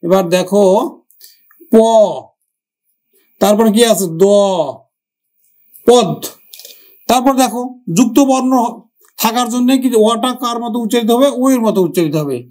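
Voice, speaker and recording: A man with a Bangladeshi Bengali accent teaching a grammar lesson for exam preparation, slowly repeating words and their pronunciations. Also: very high-pitched, darkish tone. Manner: slow, drawn-out repetition of words.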